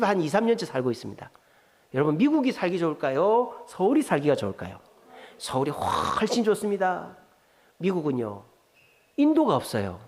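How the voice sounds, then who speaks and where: This slightly high, slightly mellow male voice belongs to a middle-aged South Korean pastor with a Gyeongsang accent. His sermon is conversational: he quizzes the congregation and throws in jokes. Captured in the church sanctuary, the sound trails off in long hall reverb.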